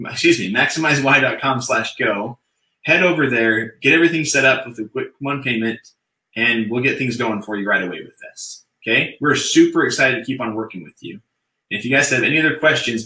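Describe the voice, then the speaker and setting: Young male webinar co-host, casual and upbeat, bright tone, echoey room sound. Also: mid-range voice. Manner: upbeat, chatty, with many fillers. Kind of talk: casual sales webinar talk.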